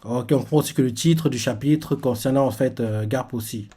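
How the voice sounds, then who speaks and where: A man with a medium-pitched, mellow, slightly rough voice speaks at a normal speed. He's hosting a live manga reaction video, loosely retelling a comic chapter and wondering aloud between scenes.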